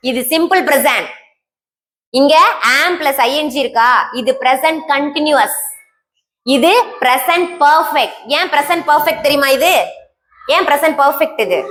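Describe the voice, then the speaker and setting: A woman's voice: high-pitched, pushed and bright. A woman teacher with a Tamil accent giving a classroom grammar lesson, quizzing students and repeating key terms, answering her own questions. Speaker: English teacher.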